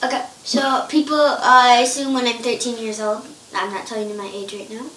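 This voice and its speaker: A woman's voice: fairly high pitch, level tone, fairly quick. A young woman co-hosting a casual vlog with her sister, chatty and bubbly, often cutting in. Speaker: vlogger, co-host with her sister. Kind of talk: casual unscripted chat. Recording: echoey room, distant mic, faint hiss.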